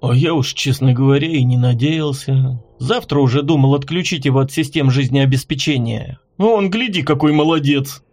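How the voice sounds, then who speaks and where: Audiobook doctor, middle-aged man, cheerful and amazed, relaxed talk, read by a man. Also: mid-range voice, moderate pace, close to an everyday voice. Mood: pleased.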